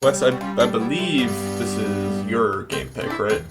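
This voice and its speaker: A man co-hosting a gaming podcast over voice chat, teasing the others and steering the conversation, quick to laugh. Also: on the low side. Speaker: podcast co-host. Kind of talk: casual chat. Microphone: online voice chat. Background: music.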